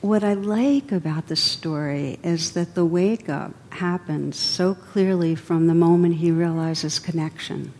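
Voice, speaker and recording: A woman meditation teacher giving a dharma talk in a reflective, gently meandering way. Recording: reverberant hall with faint rumble.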